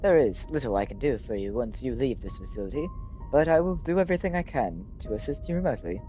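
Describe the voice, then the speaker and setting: A man's voice: medium pitch, expressive, fast talker, warm tone, faint music behind, natural voice. A man doing a stiff, polite robot assistant. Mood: formal. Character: helpful formal male robot assistant.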